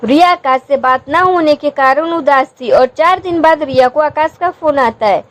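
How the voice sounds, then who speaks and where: Female storyteller, high voice, steady storybook narration. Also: normal speed.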